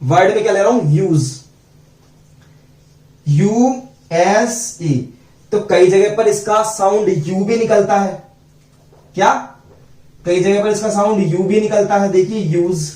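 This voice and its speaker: Male teacher, high voice, far from the mic in an echoey room, patient phonics drills. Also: steady tone, a little mellow. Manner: slow, repeats sounds and asks students questions. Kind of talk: phonics lesson.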